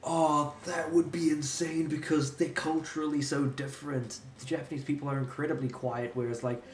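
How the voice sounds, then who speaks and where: A man's voice: fairly high pitch, little pitch movement, normal speed. Laid-back rambling male game streamer. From Australia. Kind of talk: casual live-stream chat. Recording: echoey room.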